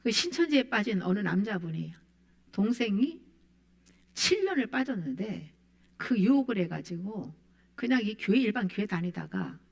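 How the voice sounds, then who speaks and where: A woman's voice: medium pitch, sing-song, normal speed, gravelly, a little mellow. A woman preaching a sermon, quoting scripture with emphatic rises and falls. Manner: emphatic, rising and falling preaching voice.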